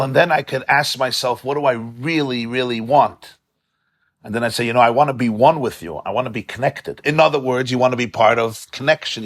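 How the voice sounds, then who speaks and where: In a study hall, a man who is a rabbi teaches an informal religious class with passion and a conversational manner. Speaking at a medium pitch, he repeats words for emphasis and sprinkles in Yiddish and Hebrew terms.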